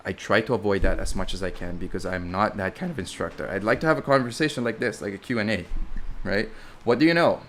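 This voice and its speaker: A young Filipino flight instructor with a Filipino accent chats his way through a live Q&A stream, rambling, correcting himself and using lots of fillers. His voice is lowish, quick and a bit bright, with slight background noise.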